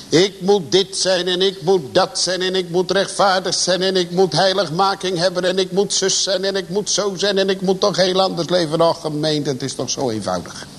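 A man preaching a sermon to a congregation, swinging his pitch and volume for emphasis. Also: a little hiss or hum. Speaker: pastor. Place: church. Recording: long church reverb.

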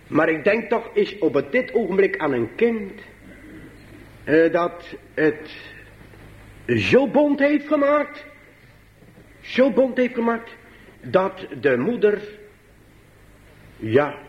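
Man, pastor, sermon, dramatic high pleading and low asides, slow emphatic pace, slightly high voice, dull lo-fi radio recording.

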